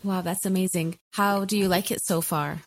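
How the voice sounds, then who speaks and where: A woman's voice: fairly low pitch, fairly even intonation, moderate pace, dry recording. A woman hosting a podcast, talking in an earnest, encouraging interview manner. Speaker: podcast host. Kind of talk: warm interview conversation.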